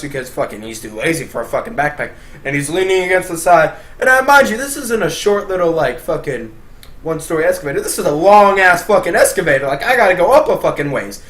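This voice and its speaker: A young man telling an exasperated, profane storytime rant, swinging between shouting and muttering. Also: high voice. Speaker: vlogger. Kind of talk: ranting storytime monologue.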